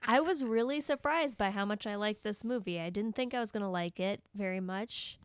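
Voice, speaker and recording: A woman's voice: mid-range voice, fairly quick, background noise. A woman co-hosting a podcast in casual chat, upbeat and giggly. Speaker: podcast co-host.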